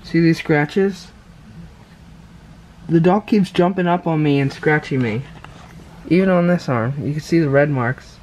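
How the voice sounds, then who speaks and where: A man's voice: a little high, measured pace, long pauses, darkish tone, a little hiss or hum, poor audio. Rambling young man vlogging. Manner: rambling, many fillers and self-corrections. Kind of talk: casual vlog chat.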